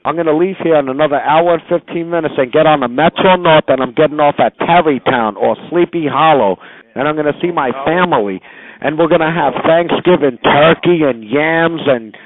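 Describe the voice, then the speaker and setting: Casting: forties man, crude rambling chat-line caller, a bit high-pitched, singsong. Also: fairly quick, phone-quality sound. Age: 40s.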